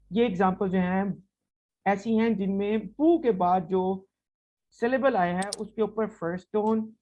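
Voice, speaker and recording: Slow, patient woman language teacher. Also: mid-range voice, mellow. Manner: repeats example words slowly, often checks with "right?". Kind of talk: recorded grammar lesson. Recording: slightly dull, lo-fi recording.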